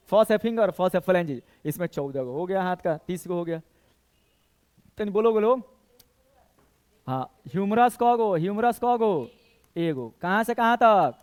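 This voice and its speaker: A man's voice: high-pitched, smooth. A male coaching teacher with a Bhojpuri-tinged Hindi accent, lecturing for competitive exams and counting bones aloud while quizzing the class. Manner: counts bones aloud, asks and answers his own questions.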